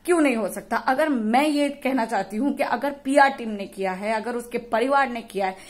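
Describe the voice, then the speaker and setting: Woman, YouTuber, impassioned vlog rant, angry, insulting, on English phrases, slightly high pitch. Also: normal speed. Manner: mixes English phrases into Hindi.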